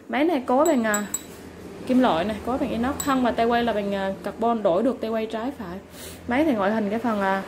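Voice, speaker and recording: A woman seller giving a polite, informal product sales pitch, going item by item with repeated stock phrases. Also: darkish tone. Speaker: online seller of used fishing reels. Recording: clearly noisy background ambience.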